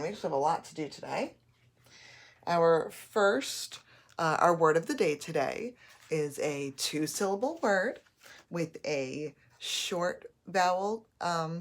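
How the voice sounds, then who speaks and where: Slow, patient woman teaching phonics. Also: fairly low pitch. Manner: slow, patient, sounding out letters and words. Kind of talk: phonics lesson.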